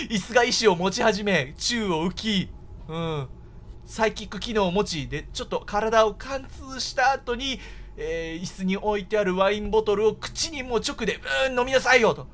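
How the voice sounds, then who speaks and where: A man giving excited horror game commentary, exclaiming in a startled way and often repeating his words. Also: high voice, normal speed. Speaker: gameplay commentator.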